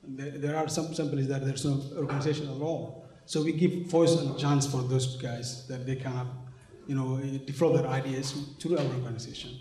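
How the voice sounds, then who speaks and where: An organization representative from Somalia, a man in his forties, gives a conversational interview in English indoors at a conference venue, stumbling through fillers and restarts. He talks briskly with hardly any pauses, in a dark, medium-pitched voice that barely moves in pitch. The recording has echoey room sound.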